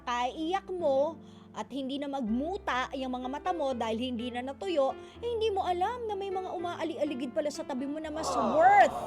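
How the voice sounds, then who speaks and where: A high-voiced woman with a Filipino accent hosts a radio advice segment, chatty and teasing, breaking into laughter often. She talks close to a studio microphone. Soft music plays faintly underneath.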